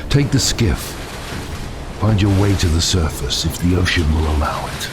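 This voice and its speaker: Man acting as Captain Nemo, deep brooding voice. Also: moderate pace, lightly acted. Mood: commanding. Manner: grave, theatrical, solemn. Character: brooding, fatalistic, obsessed submarine captain, middle-aged man. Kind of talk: dramatic audio drama acting. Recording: loud cinematic music, storm effects underneath.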